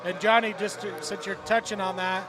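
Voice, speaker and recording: A man's voice: high-pitched, little pitch movement, brisk. A man in his late forties co-announcing a dirt race outdoors, chatting with self-mocking humor. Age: 40s. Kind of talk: casual commentary. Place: outdoors at a racetrack. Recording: loud music playing behind. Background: loud music.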